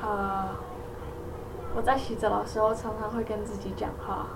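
A woman's voice: mid-range voice, level tone, normal speed. A woman chatting casually as a partner in a language exchange. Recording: distant microphone, clearly noisy background.

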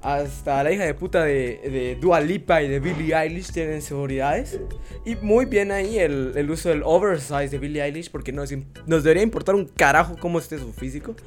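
A man's voice: fairly high pitch, brisk, faint music behind. A man with a Guatemalan accent co-hosting a podcast, chatting casually in crude, slangy banter full of swearing. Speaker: podcast co-host.

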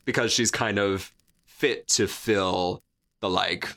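A man's voice: fairly low pitch, steady tone, slow pace, gravelly, fairly bright tone. A man co-hosting a podcast, chatting casually in a rambling, jokey way full of fillers and restarts. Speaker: podcast co-host. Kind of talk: casual chat.

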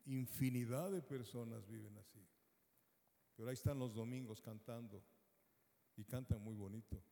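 Man preacher, gravelly low-toned voice, lively storytelling testimony, church hall reverb. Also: moderate pace. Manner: animated storytelling, acts out quoted voices. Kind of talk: sermon testimony.

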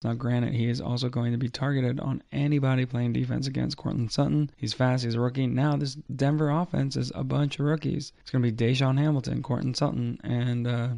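A man's voice: mid-range voice, little pitch movement, brisk, creaky, hardly any pauses, dark tone. A man hosting a fantasy football podcast solo, with casual, slangy sports commentary. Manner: informal, slangy.

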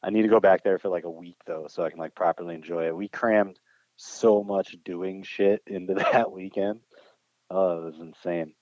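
A man's voice: deep voice, steady tone, moderate pace, darkish tone, no room sound. A young man hosting a podcast in casual chat, laid-back and slangy, laughing often. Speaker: podcast host. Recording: muffled dull sound.

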